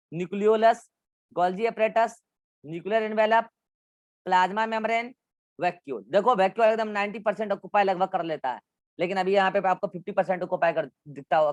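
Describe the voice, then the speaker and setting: A man's voice: sits high, dry recording, clean studio sound. A male biology teacher giving an online class in with English science terms, walking students through textbook diagrams and repeating instructions.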